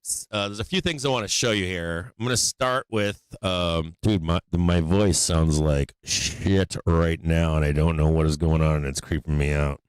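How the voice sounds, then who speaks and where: Guy streaming trades, thin tinny voice no bass, crisp and dry, swears a lot. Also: fairly even intonation, moderate pace, dry recording. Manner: rambling, profane, loose with fillers. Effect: thin, tinny mic sound with no bass. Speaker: day-trading livestream host. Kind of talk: casual livestream commentary.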